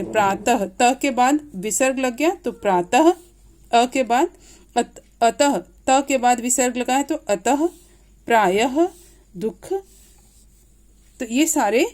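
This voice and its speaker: A woman teacher giving a grade-school grammar lesson, slowly and patiently repeating each example aloud. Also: on the high side, a little mellow.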